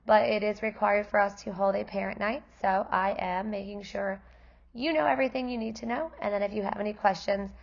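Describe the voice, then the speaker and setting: A woman teaching kindergarten, her voice going gravelly and worn, walks parents through class information at a parent night in a friendly, explanatory tone. She talks a little fast at medium pitch with fairly even intonation. The highs are cut off in the recording.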